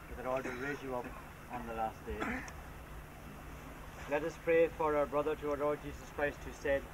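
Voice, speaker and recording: Solemn priest praying at an outdoor graveside. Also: male voice, mid-range voice. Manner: measured, formal liturgical delivery. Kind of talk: solemn funeral prayers read at a graveside. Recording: noisy, windy outdoor camcorder recording.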